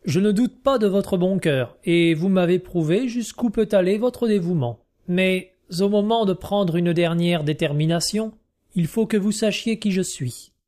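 A reserved gentleman traveller speaks in a measured, earnest and courteous manner, as a male narrator reads his part. His voice sits a little higher than the narration, with a soft, mellow color. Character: Monsieur Serge, reserved Russian gentleman traveller.

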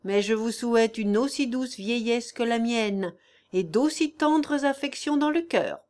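A woman reading the part of a devoted, talkative old housekeeper in an audiobook, in a homely, gently fussy manner. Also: fairly high pitch, measured pace, close to an everyday voice.

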